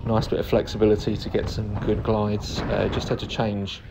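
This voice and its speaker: Calm, flat-toned man, gravelly low voice. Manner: calm, understated, hesitant delivery with frequent pauses. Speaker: paraglider pilot narrating own flight video. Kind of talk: casual flight vlog commentary. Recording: clear steady background noise, vehicle-like ambience.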